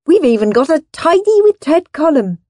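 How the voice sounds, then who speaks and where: Woman voicing a proud tidy little boy, raised pitch, prim delivery. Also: moderate pace, warm tone, dry recording, studio quality, lightly acted.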